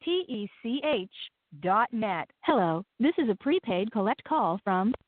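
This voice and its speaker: A woman's recorded announcement played over a tinny payphone call line, formal and even. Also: a little high, a little slow. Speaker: automated phone announcer. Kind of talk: recorded prompt and ad on a prison phone line. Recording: narrow phone-line sound, dry.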